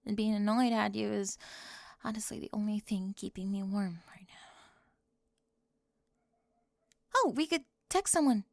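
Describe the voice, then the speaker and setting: A young woman plays a sharp-tongued cheerleader bully in an ASMR roleplay, sarcastic and defensive, often dropping to a whisper close to the mic. Her mid-range voice is creaky and measured, with frequent pauses and no room sound.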